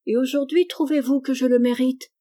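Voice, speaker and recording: A woman's voice: sits high, fairly even intonation, a little fast, dark tone, voice pushed up, lightly acted. A woman voicing a spoiled, sulky young girl who whines and pleads, reading a storybook. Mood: whining. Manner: whiny, petulant pleading.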